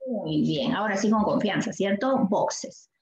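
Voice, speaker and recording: A woman teacher with a Peruvian Spanish accent, giving a language lesson and asking the class questions, stretching out example words slowly. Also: fairly high pitch, expressive. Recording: echoey room, dull sound, faint noise.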